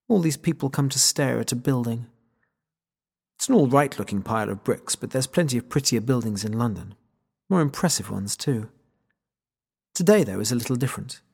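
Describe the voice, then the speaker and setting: A man narrates a novel in the first person with a wry, sardonic edge. His voice is mid-pitched and gravelly, with a husky grain that stays under every line. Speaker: audiobook narrator.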